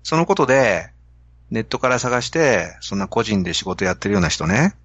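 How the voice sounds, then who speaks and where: A man with a Kansai accent hosts a podcast, telling an animated story to make a business point. His voice sits low, a little husky, with lively swings in pitch. The sound is dry and somewhat dull. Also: a little fast, dry recording. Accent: Kansai Japanese. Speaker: podcast host. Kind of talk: casual podcast talk.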